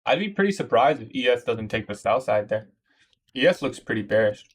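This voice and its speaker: A man's voice: medium pitch, very animated, fairly quick, breathy edge. A man of twenty-one from Iraq, hosting a live trading stream, commenting on his trades and answering chat in a casual, slangy way. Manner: casual, slangy, calls viewers bro. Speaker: livestream host, day trader.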